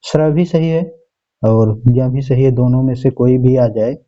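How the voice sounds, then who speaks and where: A man's voice: medium pitch, moderate pace, muffled recording. A male teacher going through an exam paper in a methodical way, reading out each option and checking in often with the class. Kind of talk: exam paper walkthrough lesson.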